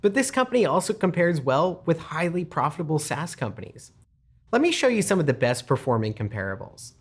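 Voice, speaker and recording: A man with a medium-pitched voice presents as an investment co-host. He delivers scripted promotional material emphatically, leaning on the numbers like a salesman. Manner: emphatic, salesy, stressing figures.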